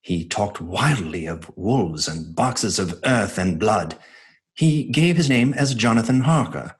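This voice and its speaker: An actor playing an earnest male doctor who recounts his case records in measured, formal horror audio drama narration. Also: on the low side, lively intonation. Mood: sober, grave. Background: music.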